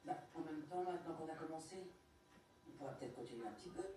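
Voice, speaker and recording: A woman playing an excitable young woman. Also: sits low, fast, lightly acted. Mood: coaxing. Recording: roomy, distant, noisy film audio.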